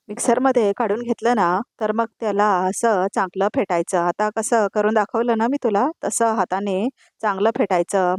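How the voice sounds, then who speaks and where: Woman, voice-over serial recap, mid pitch, dry close mic, repeats who said each line. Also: darkish tone, no echo. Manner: retells the scenes, repeating "she says now" after each quoted line. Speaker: serial episode narrator.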